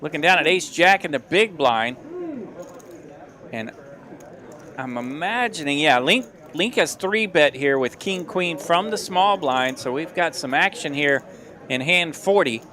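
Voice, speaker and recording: Male play-by-play caller for a live poker stream, bright and punchy, upbeat and quick. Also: fairly high pitch, lively intonation. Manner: quick, upbeat hand-by-hand calls.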